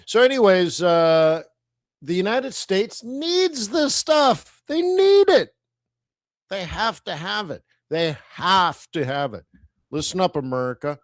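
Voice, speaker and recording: A man's voice: sits high, expressive, slow, no echo, studio quality. A middle-aged Canadian man hosting a live stream, chatting casually and throwing rhetorical questions at his viewers. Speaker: host of a live trading stream.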